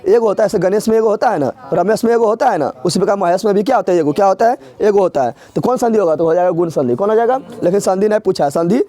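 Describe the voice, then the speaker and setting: A young man teaching exam-prep grammar talks very fast with few pauses, his voice high for a man and dark in tone. Over and over, like a drill, he throws questions at his students and then answers them himself.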